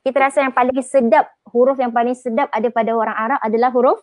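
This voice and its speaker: A woman with a Malaysian Malay accent teaching Arabic pronunciation in a live online lesson, chatty, drawing example words out slowly. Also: on the high side, fairly even intonation, no room sound.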